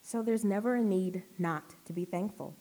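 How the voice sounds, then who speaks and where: A middle-aged woman preaching a sermon in an earnest way, reading scripture slowly and emphatically. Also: mid-range voice, dark tone. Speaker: lay preacher giving the sermon.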